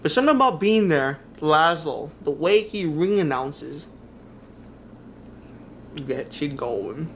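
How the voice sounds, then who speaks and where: A man playing a gushing wrestling superfan, high-voiced. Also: slow, long pauses, slight background noise, heavily acted. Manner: excitable, gushing fanboy. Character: overexcited male wrestling superfan, gushing and childlike. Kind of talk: mockumentary acting.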